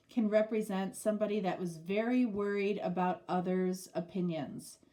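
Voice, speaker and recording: Stuffy and nasal from a cold, a middle-aged tarot reader with a mid-range, darkish voice meanders through an informal reading, leaning heavily on fillers.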